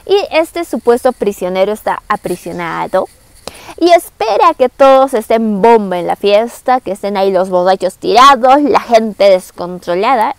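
A young Peruvian woman with a bright, high voice retells a classic book in a chatty vlog. She sounds animated and speaks straight to her viewers. Her voice is close and dry, with no room sound. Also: dry recording. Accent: Peruvian Spanish. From Cusco, Peru. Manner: chatty, animated, direct address. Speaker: book summary vlogger. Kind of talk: casual story retelling.

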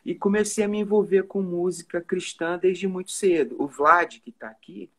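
Speaking in a high voice at normal speed, this musician guest, a man in his forties from Rio de Janeiro, Brazil, with a Carioca Portuguese accent, tells relaxed stories about his life and keeps tagging sentences with "né?". It's a casual live video chat from an indoor room at home, captured on a phone or webcam.

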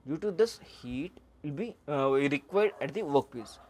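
A middle-aged man, lecturing on welding over slides, with halting speech and frequent "uh" and "okay". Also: a little high, expressive. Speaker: welding instructor.

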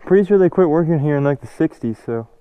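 A young man chatting casually in the woods while exploring on a dirt bike, talking in excited, laid-back slang. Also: on the high side, quick pace, smooth. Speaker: vlogger. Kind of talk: casual chat while trail riding. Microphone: helmet-mounted action camera. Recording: dull lo-fi action-cam audio, faint noise.

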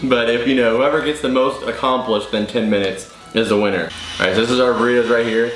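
A man in his twenties hosting a casual food vlog, excited and slangy as he tastes and eats sour candy. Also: medium pitch, fast. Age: 20s. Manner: excited, slangy, talking while tasting and eating sour candy. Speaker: host of a food challenge vlog. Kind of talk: casual vlog chat to camera. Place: living room, indoors. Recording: echoey living room with music behind.

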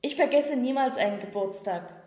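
A woman voicing a hurried, worried young man in an audiobook, talking in a rushed, distracted way. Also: on the high side, darkish tone, natural voice. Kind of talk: audiobook reading. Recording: echoey room with long reverb.

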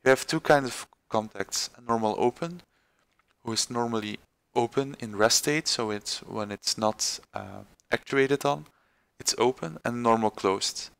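A man presenting a screen-recorded software tutorial, halting with many fillers and restarts. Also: mid-range voice, vocal fry, clear, resonant tone.

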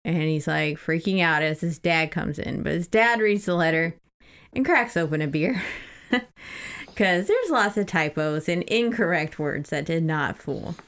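Her voice is low, expressive and a bit bright, with a measured pace. This American podcast co-host chats casually and recaps a book, irreverent and unfiltered, swearing freely.

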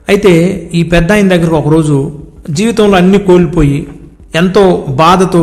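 A man preaching an earnest devotional sermon, repeating words for emphasis and drawing out key phrases. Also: on the high side. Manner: earnest, repetitive cadence, drawn-out emphatic words. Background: soft background music.

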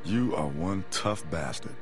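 Lively, helpful male survivor. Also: deep voice, measured pace, over music. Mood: matter-of-fact. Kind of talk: video game voice acting.

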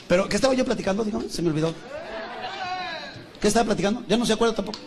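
A man's voice: high-pitched, racing, crowd noise. A man with a Mexican accent telling jokes as a stand-up comedian, chatty, asking the audience and laughing at his own lines. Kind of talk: joke telling.

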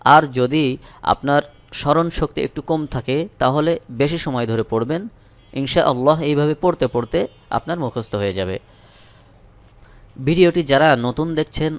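A man teaching Quran recitation, slowly drilling each verse phrase by phrase and then explaining the rules in between. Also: medium pitch. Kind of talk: recitation lesson.

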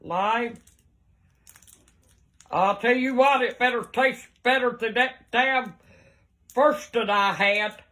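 An older woman, a grandmother with an irate, blunt, profane manner, talking casually and often shouting in a home bedroom. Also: fairly high pitch, slow pace, pauses often. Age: older, 60s or above. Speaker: grandmother in prank videos. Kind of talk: casual reactions to pranks. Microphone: handheld phone camera a short distance away.

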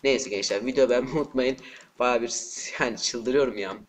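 A man giving frustrated gameplay commentary at his computer, cursing and breaking into shouts, with keyboard clicks behind him. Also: mid-range voice, fairly quick, a little hiss or hum. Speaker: gaming channel host. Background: keyboard typing and mouse clicks.

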